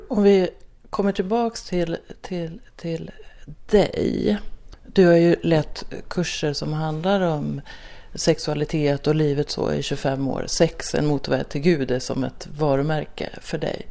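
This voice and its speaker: A woman interviewing a guest, asking questions in a calm, measured way. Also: deep voice, creaky.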